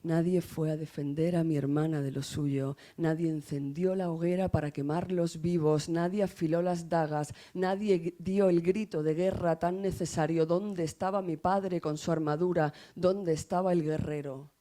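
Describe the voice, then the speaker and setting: A woman poet reciting her own poem in a measured way, growing softer at the ends of verses. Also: low voice, fairly even intonation. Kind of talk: poetry recitation. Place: reserved room in a café.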